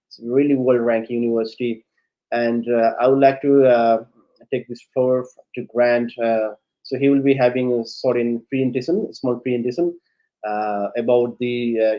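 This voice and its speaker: A man in his thirties with a Nepali accent, hosting a semi-formal live session in a halting, hesitant way over a video call. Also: mid-range voice. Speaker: host of education live session. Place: indoor office on a video call. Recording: dull lo-fi video call audio.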